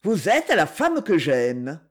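An ardent, lovesick young man, pleading softly and tenderly, his voice sometimes muffled, as a woman narrator reads him. The delivery moves expressively up and down in pitch, in a storybook romance reading. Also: wildly swooping pitch, takes it slowly, exaggerated voice.

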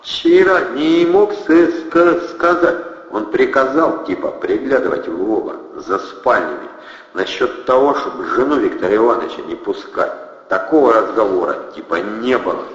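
A man's voice: fairly low pitch, normal speed, natural voice. A man reading an audiobook voices a blunt male guard who keeps dropping slang fillers. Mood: grim. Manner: flat, speaks with filler slang. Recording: dull, roomy, long reverb.

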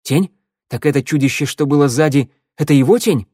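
A man doing a shrill, venomous young accuser. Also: slow, warm tone, breathy edge, dry recording, clean studio sound. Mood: accusing. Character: spiteful, cowardly young man, a sneering accuser.

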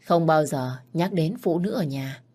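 A woman's voice: low voice, measured pace, warm tone. A woman voicing a frank older household servant who gives plain advice.

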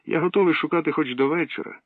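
A man's voice: fairly high pitch, fast, no room sound, voice pushed up, lightly acted. A man voicing a sullen, sly freckled boy who mumbles, in a storybook reading. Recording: dry tinny phone-like sound.

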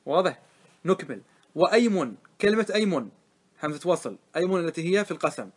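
A man's voice: a little high, big pitch swings, fast. Man teaching a grammar lesson. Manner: explains step by step, often checks with "clear?"; asks the class questions and answers them himself.

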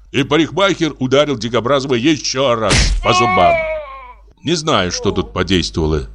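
A man reading a literary story aloud in an expressive, measured manner. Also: on the low side. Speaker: audiobook narrator.

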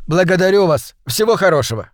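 A man voicing a calm, sly gentleman speaking with mock courtesy. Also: high-pitched, fairly quick, no room sound, clean studio sound, voice pushed up. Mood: suave. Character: smooth, sly adult man, feigning innocence.

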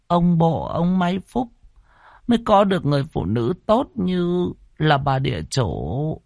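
A man voicing an old village midwife woman in a storybook ghost tale, telling things slowly, gravely and quietly. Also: a little high, sing-song, no room sound, studio quality, voice pushed up, exaggerated voice. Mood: reproachful.

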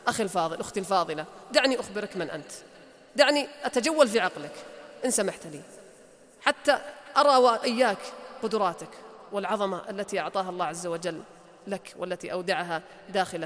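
Fast, high-voiced coach. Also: male voice, a bit bright, in a large hall. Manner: emphatic, repeats key lines for effect. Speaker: motivational coach. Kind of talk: motivational lecture.

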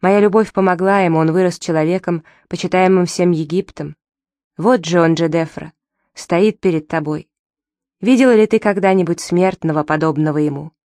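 A woman's voice: fairly low pitch, moderate pace, warm tone, no room sound, studio quality, close to an everyday voice. Woman reading as a guilt-ridden old servant. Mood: defensive. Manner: mournful, fatalistic.

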